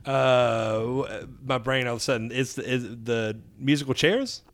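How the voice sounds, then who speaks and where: A man guesting on a podcast, hesitant and halting in casual chat. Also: mid-range voice.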